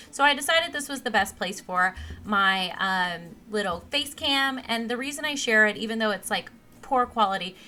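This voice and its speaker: A young woman hosting a let's play narrates her gameplay casually from her home computer in a naturally monotone, mid-range voice. She rambles with plenty of ums and restarts, speaking into a desk mic that replaced a broken headset.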